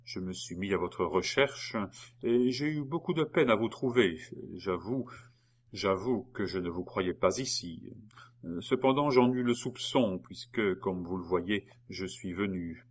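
Guy reading a sneery revenge-minded husband, fake polite, kinda low voice, storybook. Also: unhurried. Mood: mocking. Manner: sneering, mock-polite, taunting. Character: cold mocking vengeful husband, a man. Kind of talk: audiobook character reading.

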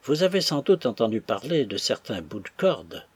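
Man playing a stern, unflappable old captain, gravelly and husky. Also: mid-range voice, moderate pace, no room sound. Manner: calm, dry and stern. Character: calm stern older sea captain.

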